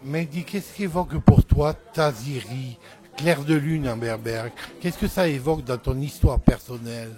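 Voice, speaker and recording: A man's voice: mid-range voice, measured pace, warm tone, faint music behind. A man interviewing musicians, asking plain, direct questions.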